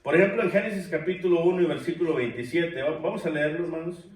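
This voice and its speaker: Talking fast in a slightly high voice, this preacher leads a church Bible class, calling the listeners brothers and asking the class questions. The mic sits far off in an echoey church room.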